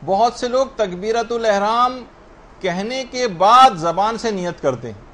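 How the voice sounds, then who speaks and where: A man's voice: high-pitched, lively intonation, a bit bright. A man giving a religious lesson on prayer rulings, explaining step by step and answering questions he raises himself. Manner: spells out correct pronunciation slowly. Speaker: religious teacher.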